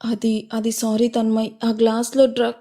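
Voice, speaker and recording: A woman's voice: fairly high pitch, monotone, normal speed, mellow, close to an everyday voice. A woman voicing a meek young maid who pleads through tears. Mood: pleading. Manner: pleading, tearful.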